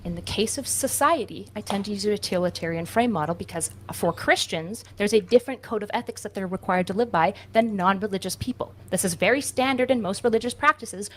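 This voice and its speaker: Woman debating, sarcastic and combative, keeps talking over people. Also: medium pitch. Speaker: debate panelist. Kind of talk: heated live debate.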